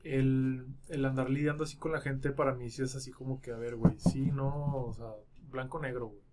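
A man's voice: medium pitch, flat delivery, fairly quick, darkish tone. A man in a casual, slangy podcast chat, swearing freely.

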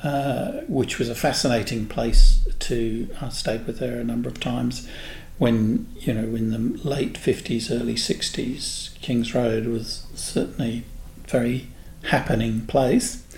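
A man in his sixties from England, a guest in an interview, telling unhurried stories about his past. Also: medium pitch, steady tone, creaky, a little mellow. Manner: unhurried, anecdotal storyteller. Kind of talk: reminiscing in a casual interview. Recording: echoey room with faint noise.

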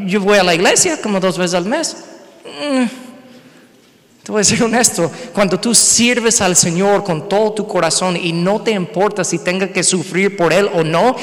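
A man preaching a sermon and telling a lively personal story, slipping words in among his phrases. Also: high-pitched, big-room sound. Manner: animated storytelling, mixing in English words. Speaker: pastor.

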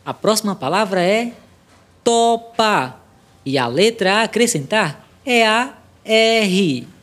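A woman's voice: mid-range voice, lively intonation, slow. A woman voicing a friendly, patient cat who teaches children and meows between lines, in a children's educational audio drama. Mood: kind. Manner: patient, encouraging.

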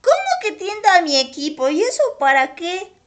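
A woman voicing an excitable, easily distracted boy in a children's cartoon, over light music. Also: very high-pitched, moderate pace. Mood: excited. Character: excitable boy character playing with toy footballers. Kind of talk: children's educational cartoon acting.

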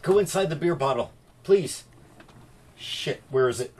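A man's voice: fairly high pitch, expressive, measured pace, a little mellow, slight background noise. A middle-aged man from the Midwest co-hosting a podcast in casual chat, stammering through restarts and laughing easily. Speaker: podcast co-host.

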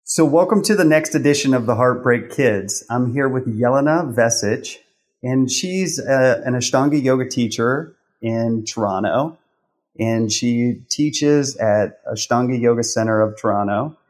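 Man hosting a podcast, middling pitch. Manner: informal, halting, repeats words. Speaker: podcast host.

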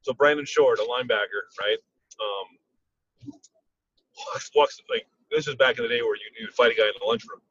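A man, a former football player and coach, telling stories in a casual interview, often pausing on "um" and checking in with "right?". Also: medium pitch, husky, dry recording, distant mic, highs cut off. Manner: animated storyteller, frequent "um" and "right?".

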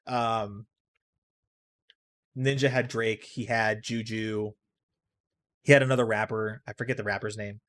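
A man's voice: fairly low pitch, steady tone, unhurried, long pauses, fairly bright tone. Rambling man hosting a casual podcast. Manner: rambling, offhand, swears now and then; reacts aloud to a video game while talking. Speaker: podcast host. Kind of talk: casual solo podcast chat.

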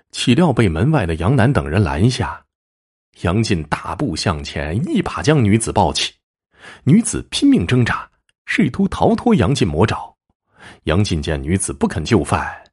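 A man narrating a story dramatically, swinging between low murmurs and raised bursts. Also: darkish tone, husky.

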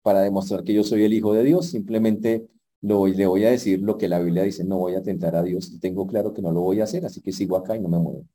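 A man preacher voicing Jesus as a calm, resolute man, lower and quieter than his own preaching voice. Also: quick pace.

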